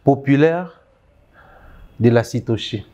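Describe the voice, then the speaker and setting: A man, hosting a casual talk show, playful and animated. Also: mid-range voice. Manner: animated, playful, quick bursts of laughter. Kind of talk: casual chat show commentary.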